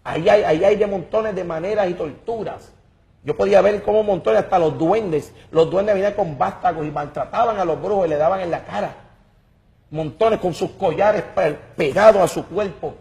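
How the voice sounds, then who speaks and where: A man tells his religious testimony with fervor and drama. His voice sits fairly high for a man. He stresses words and repeats himself as he reaches for the next thought. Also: moderate pace, darkish tone. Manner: emphatic and dramatic, repeats words while searching. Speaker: guest giving a testimony.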